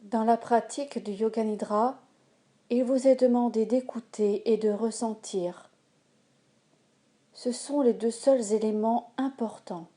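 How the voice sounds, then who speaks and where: A woman with a fairly high voice serves as the yoga nidra instructor. She delivers soothing, unhurried guidance in a calm, measured way, with pauses throughout.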